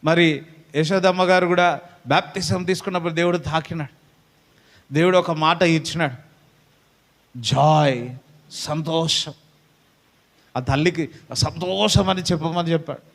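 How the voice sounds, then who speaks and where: A man's voice: on the high side, fairly even intonation, a little slow, long pauses, long reverb tail. A pastor preaching a fervent sermon to his congregation, calling out amen and hallelujah again and again.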